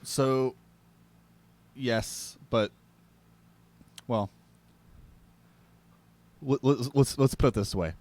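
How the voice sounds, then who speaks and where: A man's voice: mid-range voice, drawn-out words, pauses often, darkish tone. A man co-hosting a podcast in casual chat, chiming in with wry joking asides. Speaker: podcast co-host.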